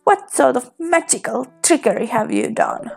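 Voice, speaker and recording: A woman's voice: on the high side, wildly swooping pitch, normal speed, vocal fry, breathy edge, exaggerated voice. A woman voicing a haughty elite society lady. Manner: curt and condescending.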